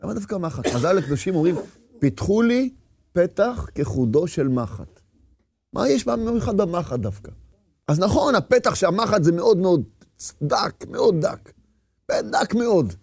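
A man's voice: high voice, very animated, darkish tone, slightly rough, no room sound. A man giving a Torah lecture with passion, firing rhetorical questions and acting out inner voices. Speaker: religious teacher.

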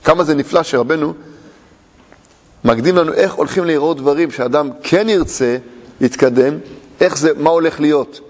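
A man's voice: fairly high pitch, big-room sound. A man teaching a religious lesson as a rabbi, firing rhetorical questions and using playful repetition and wordplay.

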